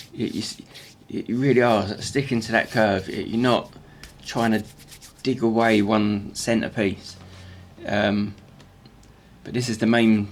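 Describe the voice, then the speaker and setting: A man with a croaky, fairly low morning voice talks through a casual tutorial, halting and repeating words. A faint workshop hum sits behind him.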